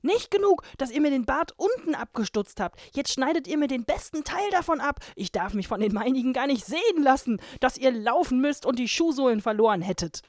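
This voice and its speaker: A cantankerous little old dwarf from a storybook snaps and scolds, as a woman reading the tale puts him on. His voice jumps high and loud, full of wild swings of outrage. The sound is close and dry. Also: animated, a little slow, no echo. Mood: indignant. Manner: shrill, scolding and indignant. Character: grumpy old male dwarf, small and bitter.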